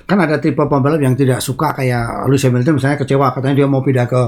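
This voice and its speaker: Quick-talking man asking podcast questions. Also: medium pitch, steady tone, darkish tone. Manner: prompts his partner with quick questions. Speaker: podcast co-host. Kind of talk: casual podcast chat.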